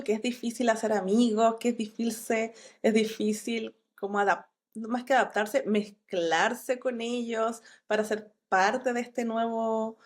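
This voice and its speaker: A woman hosting a podcast, asking her guest questions in a relaxed, conversational way. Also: medium pitch. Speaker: podcast host.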